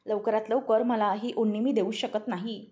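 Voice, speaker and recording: A woman's voice: a little high, fairly even intonation, normal speed, dark tone, close to an everyday voice. A woman voicing a stubborn, feisty young heroine who insists and refuses, in a spoken TV serial recap. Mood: defiant. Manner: defiant, insistent.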